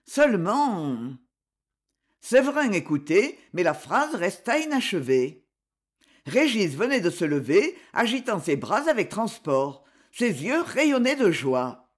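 A woman narrating a storybook with an expressive, unhurried delivery. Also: mid-range voice. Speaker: audiobook narrator. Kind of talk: storybook reading.

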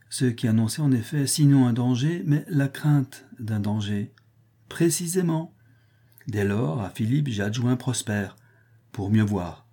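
A man reading the part of a calm, assured master detective, explaining in measured tones. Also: mid-range voice, breathy edge.

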